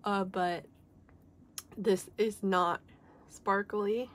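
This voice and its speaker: This is a young woman's laid-back unboxing chat about K-pop collectibles, peppered with "um" and "like." Sickness leaves her mid-range voice slightly off, and she draws out her words with fairly even intonation.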